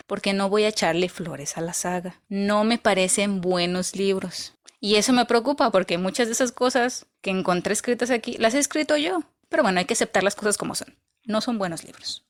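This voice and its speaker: A woman talks through a book review in a casual, unscripted way. Her voice sits at an ordinary mid pitch, and she is blunt and opinionated, pressing her points by repeating them. Dry, sarcastic asides run through her talk.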